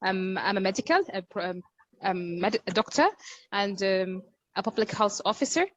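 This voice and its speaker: A woman with a Sudanese accent introducing herself in an online class, halting as she searches for words. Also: mid-range voice, dry recording. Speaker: course participant, doctor and lecturer. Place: online video call.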